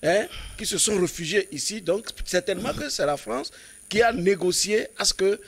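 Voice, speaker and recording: A man's voice: high voice, lively intonation, normal speed, gravelly, husky. A man on a studio political panel who jumps in and argues with pointed rhetorical questions. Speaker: debate panelist.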